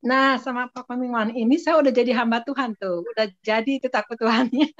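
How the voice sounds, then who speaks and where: A woman giving a casual, lively spoken testimony as a guest, often laughing. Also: fairly high pitch, fairly quick, no room sound. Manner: lively storytelling with frequent laughs. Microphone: video call. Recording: muffled dry video-call audio.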